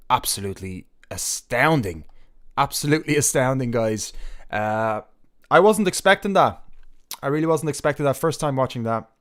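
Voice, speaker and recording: A man with an Irish accent hosting a live music stream, enthusiastic and chatty, with many fillers. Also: mid-range voice. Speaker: host of a live music show.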